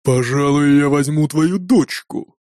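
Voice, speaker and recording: A man voicing a greedy viking warrior who talks with slow, mocking menace. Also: a little high, a little mellow, dry recording, studio quality, natural voice. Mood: threatening.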